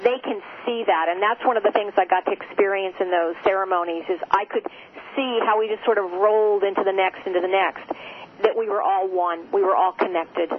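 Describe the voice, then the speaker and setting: Woman guest on a tinny phone line with a faint hiss, mid-pitched, gentle, repeats key phrases. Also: steady tone, brisk. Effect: speaking over the phone. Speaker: interview guest. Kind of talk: spiritual interview talk.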